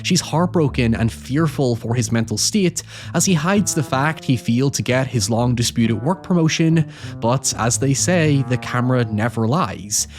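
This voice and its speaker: A man's voice: mid-range voice, darkish tone. A man narrates a scripted video essay as its host, speaking in an articulate, analytical way with the occasional wry aside. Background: background music with guitar.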